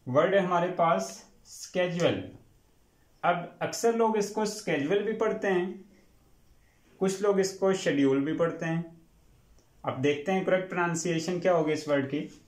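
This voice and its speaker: A man's voice: high-pitched, unhurried, pauses often. A man with a Pakistani accent, a native Urdu speaker, teaching English pronunciation and repeating each word several times for his students. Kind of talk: classroom-style pronunciation lesson. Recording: echoey room.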